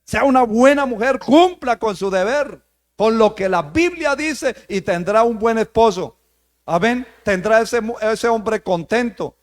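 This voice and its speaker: Male preacher, high pitched, sermon delivery with frequent "hermano" and rising emphasis. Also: expressive, unhurried. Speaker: pastor.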